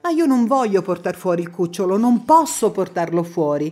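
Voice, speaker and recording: A woman's voice: mid-range voice, very animated, moderate pace, dark tone, faint music behind, natural voice. A woman reading an audiobook, voicing an anxious, sleepless young man who pleads and whines in panic. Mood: distressed.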